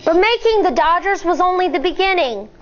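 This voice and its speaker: A woman with a high voice reads to young children much as an elementary school teacher would, expressive and deliberate, framing her delivery for stories and explanations. The recording is somewhat dull and lo-fi with a little hiss or hum, and the session is a children's read-aloud mixed with teaching asides.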